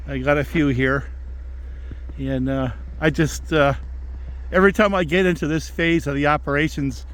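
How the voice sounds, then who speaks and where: Male logger vlogger, plain-spoken and folksy, voice a touch higher than average, casual outdoor delivery. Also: fairly bright tone. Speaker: logger presenting a video about his work. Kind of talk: casual vlog talk. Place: outdoors in winter woods.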